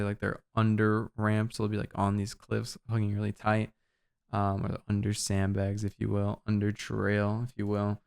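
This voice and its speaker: A man's voice: lowish voice, gravelly, clear, resonant tone. A young man casually walking through game map callouts, loose and full of fillers, a little out of breath. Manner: relaxed, loose, filler-heavy explaining. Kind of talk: casual game guide narration.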